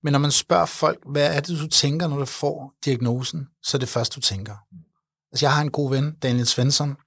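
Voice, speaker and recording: A man in his forties, an event organizer, telling his story in an earnest, animated way during an interview. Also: on the high side, creaky, no echo. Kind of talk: interview conversation.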